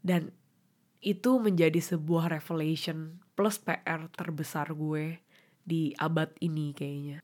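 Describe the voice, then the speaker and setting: A woman's voice: deep voice, fairly even intonation, a little slow, darkish tone. A young woman podcast host, telling a personal story, tearful at times and mixing in English phrases.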